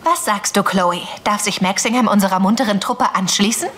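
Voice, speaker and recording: A woman's voice: mid-range voice, a little fast, a little hiss or hum, lightly acted. A young woman playing a bold, plucky heroic outlaw in theatrical dubbed children's TV comedy. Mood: earnest. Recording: loud music and crowd behind.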